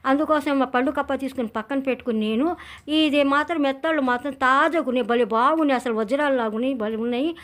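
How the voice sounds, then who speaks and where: A woman's voice: sits high, fairly bright tone. A middle-aged woman with a Telugu village accent, narrating her home cooking in a chatty, rambling way. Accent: Telugu village speech. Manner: chatty, rambling storytelling with many restarts. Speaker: cooking channel host. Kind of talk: casual cooking vlog narration.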